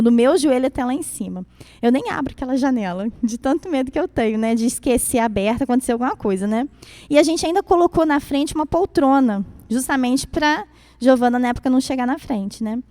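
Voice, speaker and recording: A woman's voice: on the high side, dark tone, dry recording. A woman in her thirties with a Brazilian accent, preaching to a youth service in a conversational way and often adding tag questions. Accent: Brazilian Portuguese. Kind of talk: sermon with personal stories.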